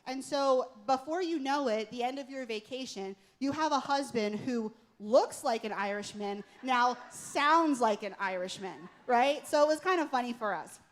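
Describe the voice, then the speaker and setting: A woman's voice: on the high side, moderate pace, hardly any pauses. A woman giving a conversational sermon from a church stage, telling personal stories and often checking in with "right?". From Pennsylvania. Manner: earnest storytelling, tag questions. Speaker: worship leader, guest speaker. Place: church stage before a congregation.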